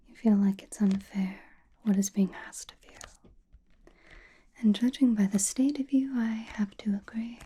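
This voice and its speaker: A woman playing a mysterious, powerful witch who reads tarot in an ASMR roleplay, whispering slowly in a calm, knowing, soothing way. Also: mid-range voice. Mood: intrigued, sympathetic. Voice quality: breathy, whispered. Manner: slow, deliberate, soothing personal attention.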